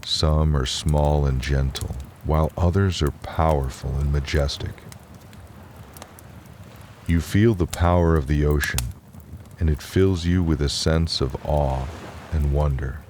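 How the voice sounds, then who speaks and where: Calm and unhurried, the very deep male voice soothes the listener through guided relaxation and bedtime storytelling. A slight hiss or hum sits under the audio.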